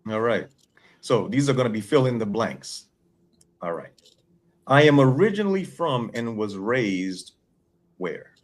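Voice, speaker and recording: A man's voice: mid-range voice, very animated, a little slow, pauses often. A man from New York hosting a podcast interview, asking structured questions in a friendly way. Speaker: podcast host.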